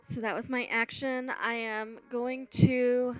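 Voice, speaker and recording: A woman's voice: on the high side, level tone, slow, clear, resonant tone, soft background music. A woman chatting casually as a player in a tabletop role-playing game.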